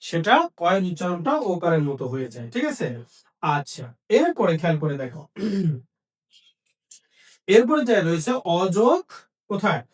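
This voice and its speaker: A man's voice: fairly high pitch, very animated, fairly quick, recorded from a distance. A man teaching a language lesson, asking questions and then answering them himself, repeating each key point. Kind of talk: Bengali grammar lesson.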